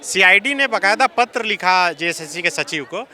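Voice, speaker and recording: A man's voice: sits high, animated, moderate pace, sharp tone. A man interviewing protesters, prompting them with questions. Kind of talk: street interview.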